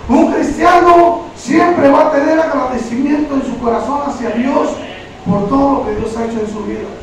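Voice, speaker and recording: Man preaching, high voice, very echoey room, heard from a distance. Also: normal speed. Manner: addresses listeners as brother constantly, retells Bible stories. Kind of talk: sermon. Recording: very echoey room, from far off, faint noise.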